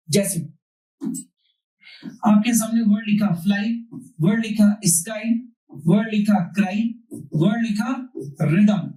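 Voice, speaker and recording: A man's voice: high voice, warm tone. A man teaching a grammar class. He repeats key points and asks questions that he then answers himself. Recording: roomy, distant mic.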